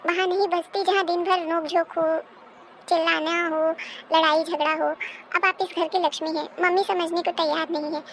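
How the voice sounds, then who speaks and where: Cartoon: a gentle, reasoning young married daughter, voiced by a woman, very high voice. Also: slight background noise. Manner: soothing, advising, reasonable. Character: calm, sensible married daughter visiting home. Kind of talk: cartoon dubbing.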